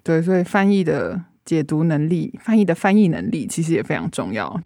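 Woman host, Taiwanese Mandarin accent, slightly low voice, quick conversational questions, dry sound. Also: big pitch swings, mellow, no room sound. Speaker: podcast host, interviewer. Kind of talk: conversational interviewing.

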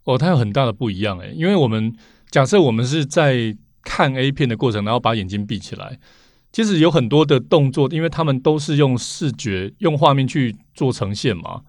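A man's voice: medium pitch, lively intonation, fairly quick, no room sound, studio quality. Man with a Taiwanese Mandarin accent, explaining. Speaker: interview guest, vintage record collector. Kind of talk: casual explanatory interview talk.

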